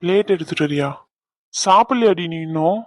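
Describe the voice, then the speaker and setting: A woman playing a soft-spoken young husband in an audio drama, talking gently and pleading with emotion. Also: fairly low pitch, moderate pace, no echo, close to an everyday voice. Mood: gentle. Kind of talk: Tamil audio drama acting.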